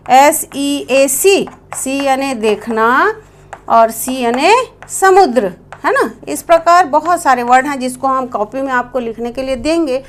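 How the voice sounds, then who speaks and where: High-pitched woman, teacher, unhurried classroom explaining, spells out words. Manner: slow, repetitive explaining, spelling words letter by letter. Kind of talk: classroom grammar lesson.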